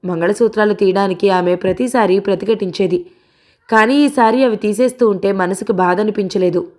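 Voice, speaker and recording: Woman reading a novel aloud, steady storyteller voice, medium pitch. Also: normal speed. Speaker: audiobook narrator. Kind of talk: scripted narration of a novel.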